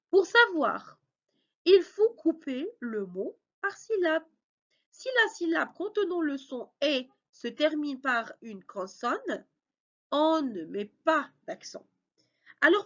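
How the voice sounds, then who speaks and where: A woman's voice: sits high, fairly bright tone, dull audio. A woman teaching a spelling lesson, patient and methodical, explaining step by step. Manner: slow, patient, explains step by step with frequent "alors" and "d'accord". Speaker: French teacher.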